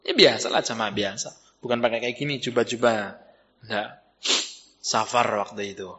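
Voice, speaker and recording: A man giving a religious lecture as preacher, telling stories and swinging between low, muttered asides and loud exhortation. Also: normal speed. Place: mosque hall. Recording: dull, reverberant mosque hall recording.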